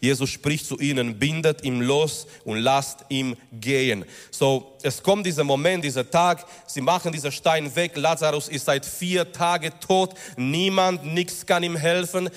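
Preaching man, echoing church hall. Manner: emphatic preaching that builds in pitch and loudness, with slow drawn-out stresses. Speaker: pastor. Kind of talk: sermon. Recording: long reverb of a large hall.

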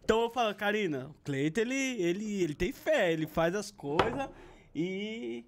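A man's voice: high-pitched, animated, normal speed. A man hosting a podcast, chatting casually and reading a sponsor plug. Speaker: podcast host. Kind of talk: casual chat and sponsor read.

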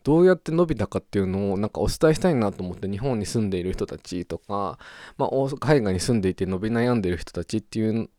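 A young Japanese man with a lowish voice hosts a casual solo podcast, talking fast and playfully with goofy sound words and wordplay. The recording is dry and clean, with studio sound.

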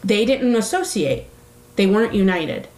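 A woman's voice: medium pitch, lively intonation, normal speed, a little mellow, roomy sound, low-quality recording. A woman talking casually, rambling with many fillers and correcting herself as she goes. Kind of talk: casual chat.

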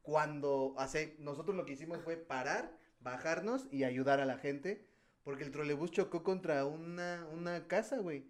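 A man with a Mexican Spanish accent, chatting casually and telling stories with slang and animated asides. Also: on the high side, normal speed. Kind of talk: casual podcast chat.

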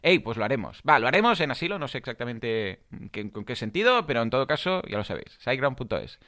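A man's voice: mid-range voice, sing-song, fast talker, sharp tone. A man from Spain, co-hosting a podcast in a jokey, playful chat. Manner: jokey, playful, repeats phrases. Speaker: podcast co-host.

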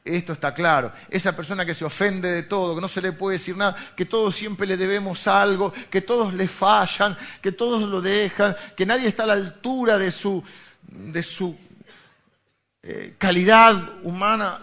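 Male pastor, Rioplatense accent, conversational sermon with rhetorical questions, pitch on the higher side. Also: normal speed, pushed and bright. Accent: Rioplatense Spanish. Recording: dull lo-fi recording.

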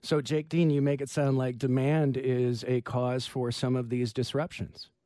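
A man speaking as a public radio host, presenting and interviewing in a polished, deliberately phrased delivery. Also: mid-range voice, flat delivery, warm tone.

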